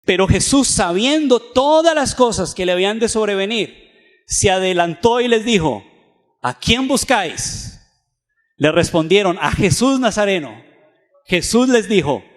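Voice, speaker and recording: Male seminar lecturer, fairly high pitch, reads verses slowly and questions listeners; recorded with a long hall reverb. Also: big pitch swings. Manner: asks the audience frequent questions; reads scripture aloud, slowing on verses. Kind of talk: Bible teaching lecture.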